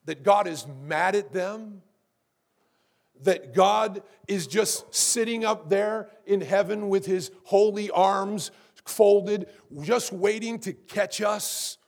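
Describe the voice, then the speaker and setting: A man with a high voice preaching a sermon, and his tone has a gravelly edge. He keeps asking the congregation how many know. He repeats words and climbs louder and higher as he presses his point. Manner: rises in pitch and volume to preach with force. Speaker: pastor.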